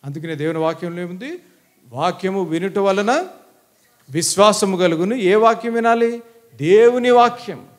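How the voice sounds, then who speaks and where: A male pastor preaching an animated sermon, often mixing in English phrases and speaking directly to the congregation. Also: sits high.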